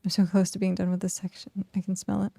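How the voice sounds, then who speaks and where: Gravelly-voiced woman streamer, chatty. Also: medium pitch, monotone, fast talker, mellow, dry recording, studio quality. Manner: rambling, chatty, heavy use of "like". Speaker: game streamer. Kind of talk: casual live-stream chat while gaming.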